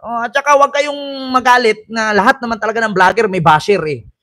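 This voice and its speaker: High-voiced chatty male commentator. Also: fairly quick, pushed and bright. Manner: chatty, rhetorical asides, reads viewer comments aloud. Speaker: commentary vlogger and host. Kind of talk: casual live commentary.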